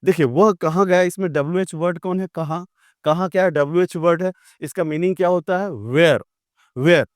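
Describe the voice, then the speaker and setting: A man's voice: on the high side, moderate pace, dry recording, studio quality. A male English grammar teacher, lecturing step by step and checking in often with his students. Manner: explains step by step with repeated checks. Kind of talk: classroom lecture.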